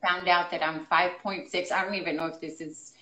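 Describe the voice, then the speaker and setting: A middle-aged woman from the Texas side of the US–Mexico border speaks with a Mexican-American, Spanish-tinged accent. She is a dancer appearing as a guest in a casual interview, laughing often, with a low-leaning, bright, forceful voice that is fairly quick and shows little pitch movement. The recording is rough and roomy.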